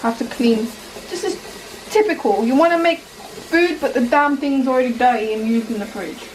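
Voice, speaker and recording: A woman's voice: sits high, moderate pace. Chatty young woman vlogging in her kitchen. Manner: chatty, bubbly, talks to viewers while cooking. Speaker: cooking vlogger. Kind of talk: casual cooking vlog chat. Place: home kitchen. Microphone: handheld phone camera. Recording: noisy kitchen recording.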